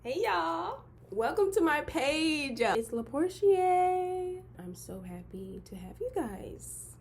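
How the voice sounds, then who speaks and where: A young woman from Detroit, a model turned beauty vlogger, introducing herself in a bubbly, excitable way with giggly bursts. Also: sits high, slow pace, slight background noise. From Detroit, Michigan. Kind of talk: casual intro vlog.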